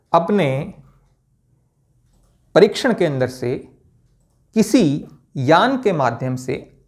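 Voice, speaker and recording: A man's voice: high voice, darkish tone. A male lecturer giving an exam-prep lesson, who explains step by step and asks and answers his own questions.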